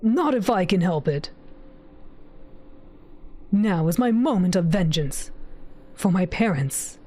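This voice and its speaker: A woman's voice: fairly low pitch, expressive, slow, warm tone. A woman voicing a vengeful, lovestruck young male rebel in a stage play, melodramatic and archaic.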